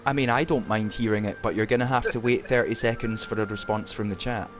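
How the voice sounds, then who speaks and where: A man from Edinburgh with a soft Scottish accent, hosting a casual livestream chat. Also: lowish voice, fairly even intonation, fast, faint music behind. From Edinburgh, Scotland. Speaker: livestream host.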